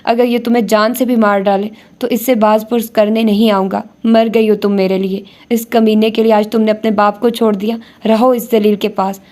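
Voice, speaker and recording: A raging middle-aged father from a romance audiobook shouts and cuts, unforgiving and harsh, voiced by a woman narrator. His tone stays mellow and dark under the loudness. The melody moves little. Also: medium pitch, little pitch movement, few pauses, lightly acted. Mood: bitter. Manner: shouting, cutting.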